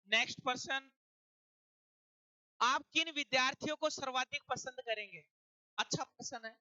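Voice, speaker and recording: A man's voice: very high voice, bright, forceful tone, clean tone, dry recording, dull audio. A man teaching an exam-prep lecture, explaining step by step and asking and answering his own questions.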